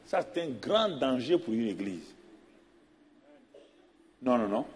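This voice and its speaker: A middle-aged man preaching a sermon as pastor, animated, repeating himself and asking rhetorical questions. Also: medium pitch, takes it slowly, a little hiss or hum.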